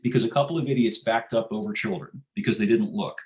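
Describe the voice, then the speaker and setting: A man's voice: fairly low pitch, fast. An American man, a guest in an interview, talking in a sardonic, emphatic storytelling way. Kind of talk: casual interview talk.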